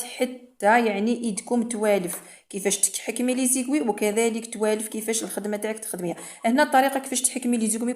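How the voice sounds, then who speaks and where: A woman's voice: medium pitch, a little mellow. A woman with an Algerian Arabic accent teaching knitting step by step, patiently repeating instructions for beginners. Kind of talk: step-by-step craft tutorial.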